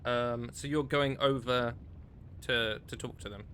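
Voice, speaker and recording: A man's voice: mid-range voice, steady tone, a little slow, fairly bright tone, a little hiss or hum. A man running a tabletop game as game master, chatty with lots of fillers and casual swearing.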